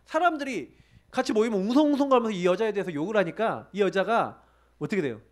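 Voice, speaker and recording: Animated male pastor preaching. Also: high-pitched. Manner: animated preaching with rhetorical questions to the congregation. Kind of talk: sermon. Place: church sanctuary.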